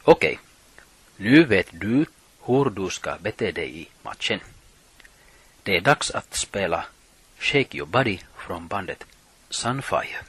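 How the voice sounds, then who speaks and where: A middle-aged man presenting a radio show, reading his script in a measured, plain way. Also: deep voice, expressive, sharp tone, breathy edge, dry recording. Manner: reads from notes, measured and plain.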